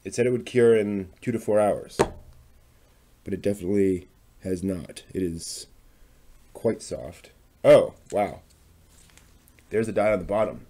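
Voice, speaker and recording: In this clear recording with clicking and background noise, a man hosting a craft vlog mutters tentatively to himself and talks casually through a hands-on demonstration. His pitch sits fairly low and his tone is warm. He speaks unhurriedly and pauses often.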